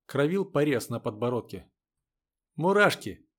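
A man narrating an audiobook in a steady, even storytelling voice. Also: medium pitch, moderate pace.

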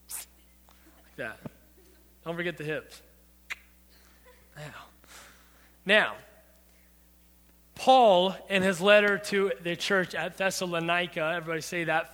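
High bright-voiced man preaching in a hall. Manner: playful, jokey asides to the audience. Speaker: youth pastor. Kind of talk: youth sermon. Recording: long hall reverb.

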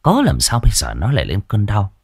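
Lively male ghost-story narrator. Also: fairly low pitch, fairly quick, vocal fry, breathy edge, no echo, clean studio sound.

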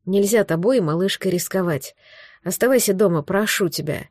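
A woman voicing a hushed, pleading husband. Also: mid-range voice, brisk, no room sound, clean studio sound, lightly acted. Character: worried husband, grown man, tense and gentle.

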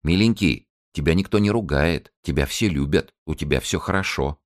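A man's voice: very deep voice, normal speed. Man reading a worried fussing wife. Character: anxious caring middle-aged wife.

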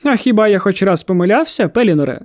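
A brash male monster hunter with a breezy, mocking way of speaking, as an audiobook reader plays him. He gives orders lightly, as if danger amuses him. The voice sits high and is recorded close and dry. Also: expressive, quick pace, no room sound. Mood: cool mocking. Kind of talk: audiobook character voice.

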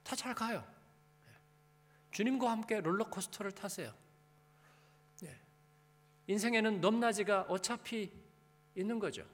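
A male pastor with a high, fairly bright voice preaches a conversational sermon, unhurried and pausing often. He puts rhetorical questions and short prompts to his listeners. The large church hall gives the recording a long, echoey reverb.

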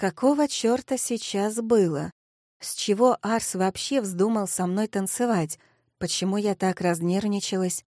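A young woman narrating a first-person audiobook in a lively, self-mocking inner-monologue manner, on a close studio mic. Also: medium pitch, unhurried, no echo.

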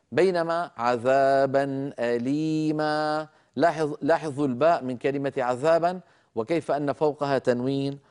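A man teaches the rules of Quran recitation in a recorded lecture, with a voice pitched a little higher than most men's. He explains carefully and unhurriedly, repeating key words and pausing on drawn-out fillers as he walks through each example. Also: a little mellow. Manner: slow, deliberate explaining with repetitions and drawn-out fillers.

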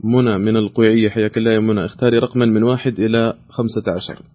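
A man's voice: fairly low pitch, little pitch movement, racing, phone-quality sound. A man hosting a call-in quiz, reading questions aloud and patiently repeating the options. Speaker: quiz show host.

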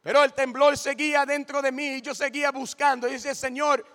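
A man giving a lively testimony sermon, telling his story with animation and often calling the listeners brother. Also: extremely high pitch, fairly quick. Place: church. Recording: long church reverb.

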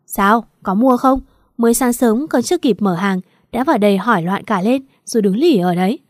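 A woman's voice: fairly high pitch, lively intonation, a little fast, a little mellow, no room sound, clean studio sound, natural voice. A woman voicing a grumpy middle-aged woman shopkeeper who scolds impatiently, in an audio storybook. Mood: irritated scolding.

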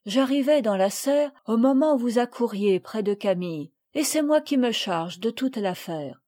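A woman reading the part of a kind, composed noblewoman who speaks calmly and with gentle authority to children. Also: fairly high pitch, normal speed. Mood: gentle, authoritative.

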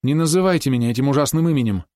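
A man reading an audiobook who voices a frightened young woman, pleading in an urgent, hushed manner. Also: medium pitch, lively intonation, racing, dry recording, studio quality, voice pushed up, lightly acted. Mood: earnest imploring.

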